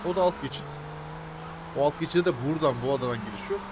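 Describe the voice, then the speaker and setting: A young man doing casual let's-play commentary, excitable and quick to grumble and swear at the game. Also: a little high, noisy background. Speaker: gameplay commentator.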